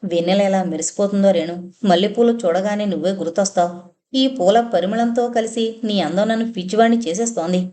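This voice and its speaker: A woman's voice: mid-range voice, fairly even intonation, a little fast, warm tone, natural voice. Woman voicing a lovesick young man. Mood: ardent, hurt.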